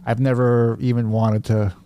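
A man hosting a podcast, reacting to his guest with relaxed jokes. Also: medium pitch, normal speed, clean tone, no room sound, highs cut off. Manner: joking, laid-back interjections. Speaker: podcast host. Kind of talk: casual chat.

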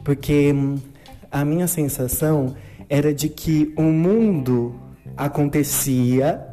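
Brazilian woman, podcast host, low and mellow, expressive storyteller who plays the other people in her story, soft guitar bed. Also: slow pace. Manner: expressive, acts out quoted dialogue. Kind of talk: personal storytelling monologue.

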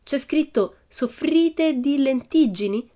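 A woman's voice: fairly high pitch, lively intonation, a little fast, dark tone, pitched above the performer's own voice, close to an everyday voice. A woman doing an eager sweet little girl. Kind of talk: audiobook character reading.

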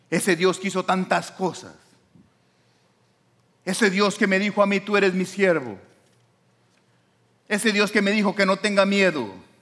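A man's voice: sits high, a bit bright. A man preaching as pastor, emphatic, with his voice swinging up and down. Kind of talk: sermon.

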